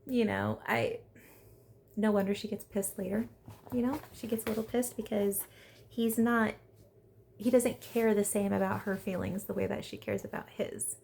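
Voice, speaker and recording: A woman's voice: mid-range voice, fairly even intonation, moderate pace, vocal fry, darkish tone, slight background noise. A woman giving a casual, opinionated recap of a reality TV episode, chatty and full of "like" fillers. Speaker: reality TV reviewer.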